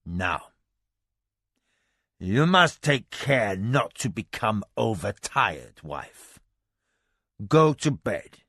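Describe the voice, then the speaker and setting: A man voicing a hot-tempered, domineering lord who shouts at his wife, in a raspy, gravelly voice. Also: mid-range voice, no echo, studio quality. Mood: grudgingly mild.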